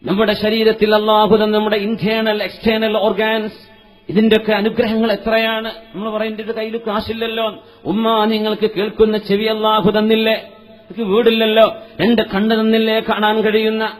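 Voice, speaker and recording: A man preaching a sermon, asking the audience many rhetorical questions and chanting Arabic verses in a slow, melodic recitation. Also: high-pitched, completely flat delivery. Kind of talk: Islamic sermon.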